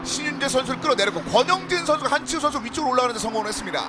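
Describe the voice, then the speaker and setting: A man gives live motorsport commentary in a very high-pitched voice. He talks quickly and urgently, calling positions as they change. Loud car and track noise runs behind him. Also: animated. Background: cars and outdoor ambience.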